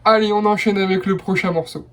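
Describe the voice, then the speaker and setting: A man's voice: high voice, steady tone, brisk, a bit bright, soft background music. A young man hosting a casual blind test quiz, chatty and enthusiastic, with personal asides between rounds. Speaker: quiz host.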